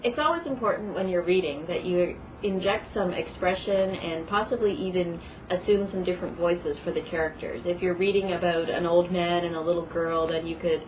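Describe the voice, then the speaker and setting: A mother giving conversational advice to other parents about family life. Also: lowish voice. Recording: clearly noisy background.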